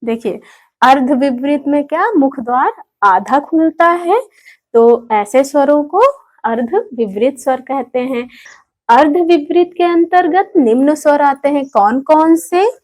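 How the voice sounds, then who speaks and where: Slow, high-voiced woman teaching Hindi. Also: expressive. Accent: Indian Hindi. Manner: patient, repeats terms and asks rhetorical questions. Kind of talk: online grammar lesson.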